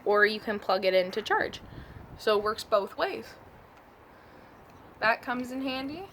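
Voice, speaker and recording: A woman's mid-range, slightly bright voice carries a laid-back, talkative product demo in which she works hands-on and corrects herself as she goes. She's a product reviewer, and there's slight background noise.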